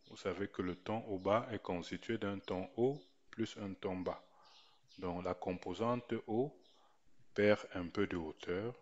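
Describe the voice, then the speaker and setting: Slow, deep-voiced man teaching pronunciation. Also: highs cut off. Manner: measured, demonstrating tones on single syllables. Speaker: language teacher.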